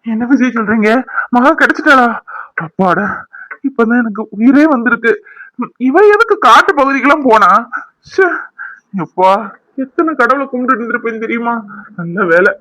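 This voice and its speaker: A man's voice: extremely high pitch, brisk, fairly bright tone, no echo. A man voicing an anxious, doting young husband in a cartoon, earnest and reassuring. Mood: relieved. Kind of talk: cartoon voice acting.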